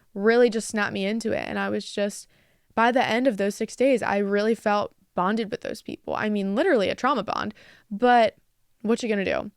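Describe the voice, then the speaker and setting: A woman's voice: medium pitch, smooth, dry recording, clean studio sound. A young woman hosting a podcast, telling a personal story in a chatty way, filling her talk with "like" and acting out quoted dialogue. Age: young adult. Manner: chatty, lots of "like" fillers, quotes people in dialogue. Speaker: podcast host. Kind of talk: casual storytelling.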